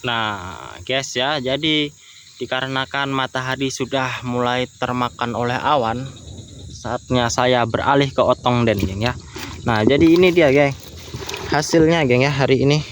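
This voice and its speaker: A man's voice: mid-range voice, unhurried, a little hiss or hum. A young man chatting casually while fishing outdoors, tacking a friendly filler word onto nearly every phrase. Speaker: fishing vlogger. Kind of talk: casual fishing vlog commentary. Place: outdoors by water in the countryside. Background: crickets and insects.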